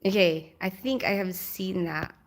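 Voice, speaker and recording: A woman's voice: mid-range voice, a little slow. A woman with a Filipino accent who grew up in the Philippines, chatting casually on a live stream, reading viewer comments aloud and laughing often.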